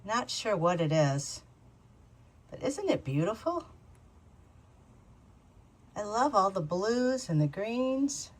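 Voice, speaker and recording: A woman's voice: mid-range voice, very animated, slow, long pauses, breathy edge, poor audio. A woman vlogging casually outdoors on a lake beach, chatting and talking to her dog as she searches. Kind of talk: casual vlog narration.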